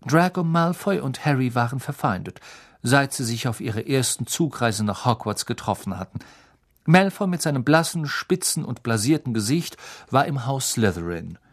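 A man reading a novel aloud as a narrator, expressive, and acting out each figure's voice. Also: medium pitch, moderate pace. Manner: animated, acts out every voice. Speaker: audiobook narrator.

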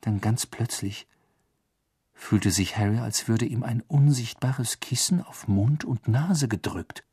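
A man reading a novel aloud as an audiobook narrator, telling the story in a lively way and voicing the characters' quotes. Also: mid-range voice, slow pace, breathy edge, dry recording, clean studio sound.

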